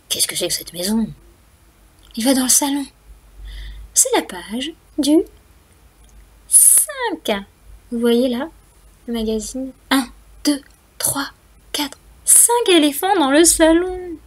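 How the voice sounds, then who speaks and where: Female children's storyteller, fairly high and a little breathy, animated reading, talks to the kids and counts aloud. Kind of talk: reading a picture book aloud to young children.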